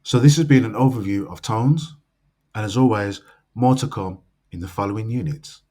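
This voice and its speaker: A man explaining a language lesson in a clear, steady teaching manner. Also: fairly low pitch, moderate pace.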